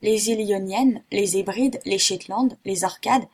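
A woman's voice: mid-range voice, measured pace, breathy edge. A woman doing a grave, unruffled boy pupil. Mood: calm. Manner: calm, matter-of-fact recitation.

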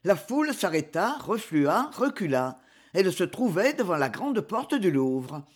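Audiobook narrator, dramatic novel reading, expressive, lively pitch. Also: unhurried, husky.

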